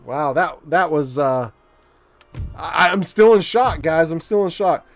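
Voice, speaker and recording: For his channel, a man commentates a strategy game battle, sounding excitable and incredulous. His voice sits on the high side and his pace is unhurried, though he often stammers and repeats himself. Faint music plays in the background.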